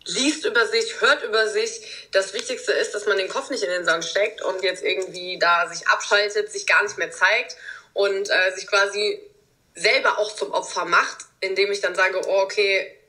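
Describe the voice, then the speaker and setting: A woman in her twenties answers interview questions openly, pausing on fillers as she reflects. Her voice is bright and clear, and she comes through a video call from a room at home. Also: mid-range voice, steady tone, rough recording. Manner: open, reflective, with many fillers. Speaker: guest, reality TV contestant.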